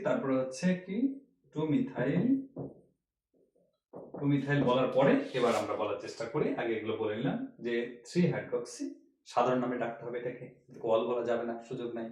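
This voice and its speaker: A man's voice: medium pitch, expressive, fairly quick, long pauses, darkish tone, reverberant. A man teaching chemistry who explains each step, repeats key points and asks the class rhetorical questions. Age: older. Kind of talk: classroom lecture.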